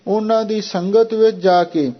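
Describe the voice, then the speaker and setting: A man giving a Sikh devotional sermon, slowly intoning scripture verses and then explaining them in plain talk. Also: high voice, steady tone, dull audio.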